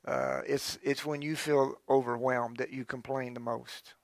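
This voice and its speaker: Gravelly-voiced male preacher, folksy. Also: medium pitch, level tone, unhurried, dry recording. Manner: conversational preaching with folksy asides and call-and-response. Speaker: pastor. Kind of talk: sermon.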